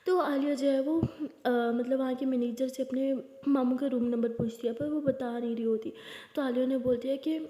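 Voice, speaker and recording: A woman's voice: sits high, steady tone, moderate pace, warm tone. A woman narrating a love story in a casual, conversational way. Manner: plain, conversational retelling. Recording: echoey room with long reverb.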